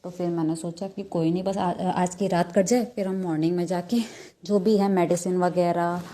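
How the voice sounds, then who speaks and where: Young woman vlogger, rambling and chatty, warm low tone. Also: fairly even intonation, normal speed, slight background noise. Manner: chatty, rambling storytelling with fillers. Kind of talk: casual daily vlog narration.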